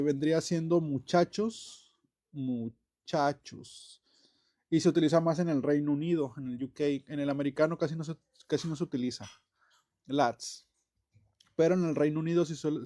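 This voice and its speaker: A man giving a casual online English grammar lesson, chatty and relaxed, with many fillers and self-corrections. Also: fairly high pitch. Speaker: English teacher.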